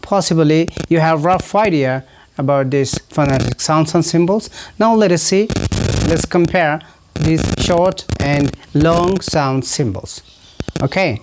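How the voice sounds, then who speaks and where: A teacher giving a pronunciation lesson, saying each example word slowly and repeating it in simple sentences. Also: mid-range voice, slight background noise, rough recording.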